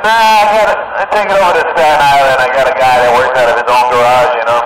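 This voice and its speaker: A man's voice: medium pitch, steady tone, quick pace. A man chatting casually over a CB radio, loose and cursing now and then. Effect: heard over CB radio. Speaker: CB radio caller. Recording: echoey, distant CB radio with loud static.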